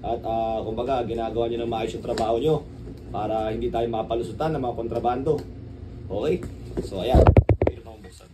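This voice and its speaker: This vlogger, a Filipino-accented man, speaks at a medium pitch with fairly even intonation and a brisk pace during a casual unboxing. He rambles and often uses tag questions to check whether viewers agree. A distant microphone picks him up, and the audio is clearly noisy.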